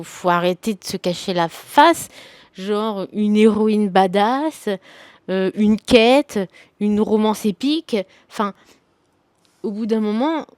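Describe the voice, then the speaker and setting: A woman's voice: mid-range voice, a little mellow, no echo. A young woman chatting casually about her favourite books, rambling and slangy with lots of fillers. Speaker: book vlogger. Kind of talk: casual book review chat.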